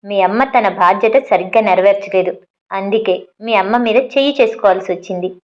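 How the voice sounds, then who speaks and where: A woman's voice: mid-range voice, brisk, highs cut off, close to an everyday voice. A woman voicing a stern, controlling middle-aged father who lectures his grown children in a storybook reading.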